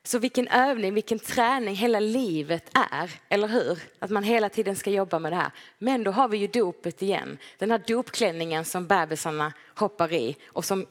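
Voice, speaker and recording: A woman preaching a gentle, personal sermon in a church, now and then acting out short quoted lines. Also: mid-range voice, hardly any pauses. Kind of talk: conversational sermon. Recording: long hall reverb.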